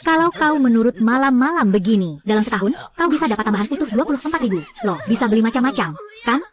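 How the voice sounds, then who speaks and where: A man's voice: very high voice, expressive, fast. This is a lecherous, bullying boss in a dubbed short drama. He sneers and gloats with oily menace and taunts the people around him. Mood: coaxing sleaze.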